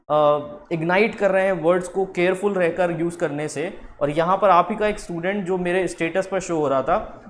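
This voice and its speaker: Guy teaching words, higher voice, slow on the bits, a bit of hiss. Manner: explains with slow drawn-out English words. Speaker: English teacher. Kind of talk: spoken English lesson.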